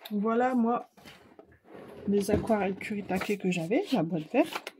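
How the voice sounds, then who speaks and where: With background noise behind her, a craft channel host speaks in an unhurried, medium-pitched voice. She has a Ch'ti accent from northern France and chats casually to viewers as she tries out art supplies, thinking aloud while painting.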